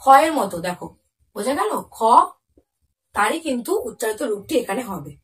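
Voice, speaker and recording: High, lively woman teaching young children. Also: recorded from a distance. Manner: asks the pupils questions and answers them herself; repeats example words slowly and clearly. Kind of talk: Bengali lesson for young children.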